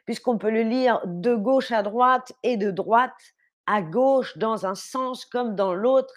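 A woman teaching a live streamed lesson, playful and enthusiastic, reading the chat and spelling words out slowly. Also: on the high side.

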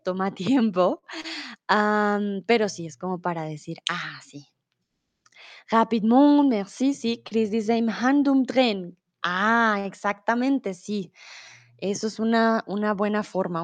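A woman with a mid-range voice teaches Spanish on a live stream, reading viewers' chat messages aloud. She's patient and encouraging, repeating words slowly and switching into English, and the recording is dry.

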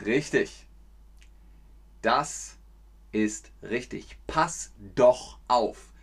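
Slow-speaking northern German man teaching. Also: medium pitch, gravelly, breathy edge. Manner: playful, acts out insults in sudden loud outbursts. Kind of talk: livestreamed language lesson.

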